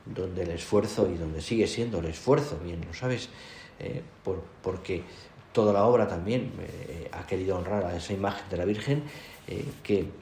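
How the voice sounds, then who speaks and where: A man giving a sermon as a priest, pausing often, repeating words and adding tag questions. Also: sits low, gravelly, a little mellow, slight background noise. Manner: halting, repeats words, frequent "¿eh?" tags. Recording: echoey room, faint ambience.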